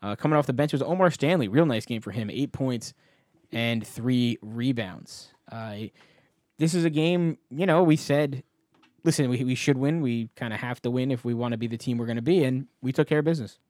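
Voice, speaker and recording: A man's voice: mid-range voice, moderate pace, a little mellow, dry recording, studio quality. A man hosting a podcast, talking sports in a casual, conversational style. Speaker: podcast host.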